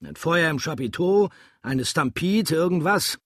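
A man's voice: a little high, lively intonation, measured pace, fairly bright tone, no room sound, studio quality, pitched above the performer's own voice. A man voicing an alarmed adult male circus cook in an audiobook, speaking with urgent raised alarm.

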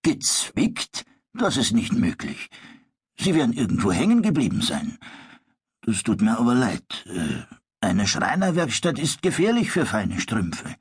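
An actor playing a kindly, easily flustered old master carpenter who grumbles and swears mildly. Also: male voice, medium pitch, sing-song, unhurried, breathy edge, exaggerated voice. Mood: apologetic. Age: older. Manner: grumbling, exasperated oaths.

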